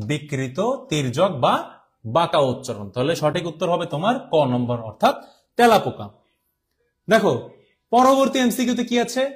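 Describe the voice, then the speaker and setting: A young man from Bangladesh teaching an online exam-prep class, explaining step by step and quizzing his students as he goes. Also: sits high. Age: young adult. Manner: repeats and drawls words to show how they are said.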